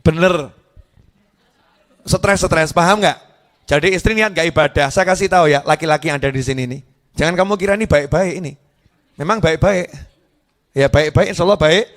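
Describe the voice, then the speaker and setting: Sex: male. Role: preacher. Style: lively, humorous sermon. Pitch: fairly high. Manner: lively, animated, humorous storytelling. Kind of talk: religious sermon.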